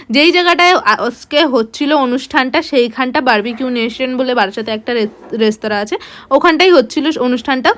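A woman vlogger narrating a family restaurant outing in a chatty, lively voice-over. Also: high-pitched.

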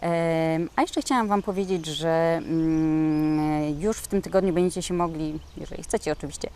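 A woman's voice: deep voice, moderate pace, warm tone, a little hiss or hum. A woman from Poland teaching a casual spoken language lesson, talking hesitantly with many filler sounds.

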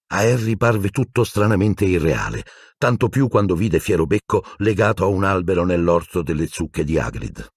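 A man narrating an audiobook in a deep, husky voice. His reading swings widely and lively in pitch. The recording is dry and close. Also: no room sound. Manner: expressive storytelling.

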